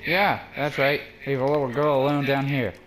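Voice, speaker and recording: A man's voice: medium pitch, level tone, moderate pace, fairly bright tone, soft background music. A young man chatting casually as he plays a co-op video game with a friend. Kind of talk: casual co-op gameplay chat. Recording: faint game ambience behind.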